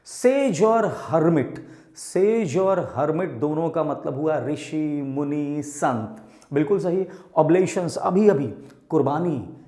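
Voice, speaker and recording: A man's voice: sits high, a little mellow. Guy teaching vocab, quizzes the kids and answers himself, echoey room. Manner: addresses students as children, asks questions and answers them himself; spells out and repeats words slowly. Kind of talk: vocabulary lesson for exam students.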